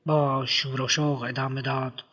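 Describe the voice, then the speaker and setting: A man narrating a literary audiobook in the first person, in a measured, subdued way. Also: medium pitch, flat delivery, pushed and bright, dull audio.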